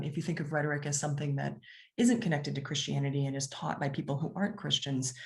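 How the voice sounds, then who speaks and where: Low-voiced woman giving a lecture. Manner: explanatory, conversational with frequent fillers. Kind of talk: public lecture.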